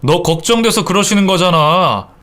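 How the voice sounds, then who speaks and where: A man's voice: sits high, lively intonation, moderate pace, a bit bright, voice pushed up. A man voicing an exasperated grown son and husband in a radio drama, pleading and scolding in turn. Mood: reproachful. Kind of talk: Korean radio drama acting.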